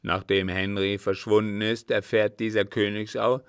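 A man voicing a commanding, scheming captain who speaks forcefully and urgently. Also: lowish voice, level tone, moderate pace, smooth, dry recording, clean studio sound, lightly acted.

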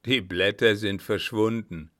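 A man's voice: fairly low pitch, a little slow, bright, forceful tone, clean tone. A man doing a harsh, menacing old captain. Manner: hard, commanding, menacing. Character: harsh, threatening old sea captain, male.

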